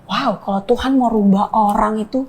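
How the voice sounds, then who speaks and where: A woman's voice: on the high side, steady tone, normal speed, a loud crowd. A woman sharing a personal faith testimony in earnest storytelling, slipping English phrases into her speech.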